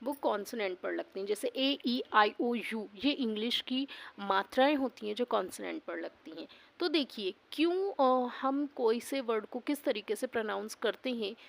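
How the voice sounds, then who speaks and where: A woman's voice: fairly high pitch, animated, vocal fry. A woman teaching English pronunciation, spelling words out letter by letter and asking questions she answers herself. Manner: asks the class questions and answers them herself; spells words letter by letter and repeats them slowly. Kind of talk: pronunciation lesson.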